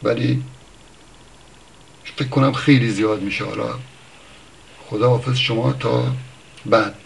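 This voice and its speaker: A man giving an informal spoken lesson on word origins. He thinks aloud, pauses often, corrects himself, and lifts his voice for examples. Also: mid-range voice, vocal fry. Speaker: language teacher.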